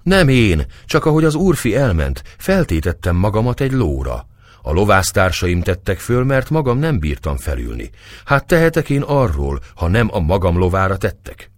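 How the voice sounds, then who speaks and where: A man's voice: low voice, sing-song, no room sound, voice pushed up. A man voicing a cheeky young manservant making excuses, in a dry audiobook recording. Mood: sheepish.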